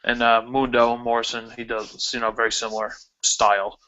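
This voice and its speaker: A man's voice: medium pitch, flat delivery, bright, forceful tone, muffled recording. A man co-hosting a podcast in casual chat, chiming in with short questions and remarks. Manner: quick interjections and questions. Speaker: podcast co-host.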